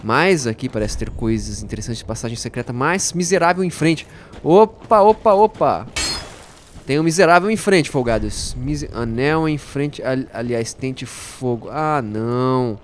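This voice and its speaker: A man giving playful, jokey let's-play commentary, talking to his viewers and bursting out excitedly during fights. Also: medium pitch, normal speed, few pauses, slight background noise. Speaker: gaming YouTuber.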